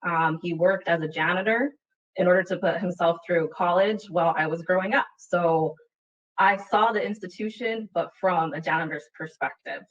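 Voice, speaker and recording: A woman's voice: fairly low pitch, moderate pace. Earnest woman on a dull, distant line. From Utah, USA. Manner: earnest, reflective, adds "right?" tags. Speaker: panelist. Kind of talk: personal storytelling in a panel webinar. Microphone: video call computer mic. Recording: dull, distant webinar audio.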